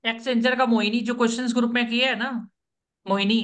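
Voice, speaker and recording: A man coaches someone for interviews over a video call, running the session briskly and instructively and repeating the key points. His voice is very high-pitched and fairly bright, with fairly even intonation.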